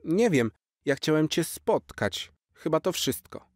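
High little boy voice, all hopeful and eager, a guy putting it on for a kids' story. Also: very animated, measured pace, dry recording, clean studio sound. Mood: shy. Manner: high childlike pleading voice. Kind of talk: storybook character voice.

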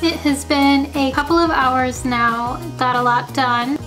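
Vlogging about her ceramics small business, this young adult woman chats upbeat and casual, saying "like" constantly, her voice going hoarse as she loses it. She speaks high, steady, and measured in a reverberant space over loud music, moving between her home studio office and dining room indoors. The camera sits on a window mount or is handheld at times.

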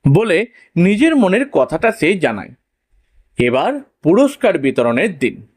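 A man narrating a humorous story in a measured, playful way. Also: high voice, very animated, darkish tone.

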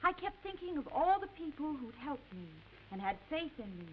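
A high, sweet-voiced woman reporter, spinning a sentimental tale in smooth, polished phrases. The audio is dull and old with a faint hiss under it, like a 1950s TV recording. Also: big pitch swings, normal speed. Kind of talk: 1950s television drama.

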